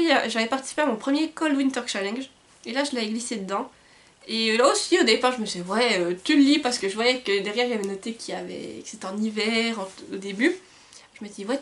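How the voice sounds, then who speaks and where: Woman, young adult, casual book chat, rambling, fillers and restarts, a bit high-pitched. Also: fairly bright tone. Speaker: book vlogger. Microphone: camcorder mic.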